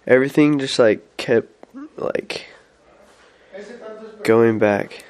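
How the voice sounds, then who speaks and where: With a head cold making him stuffy, a young adult man on a mission walks through his week in a relaxed vlog update. His medium-pitched voice is slow and a little mellow, and he often fills pauses and starts over.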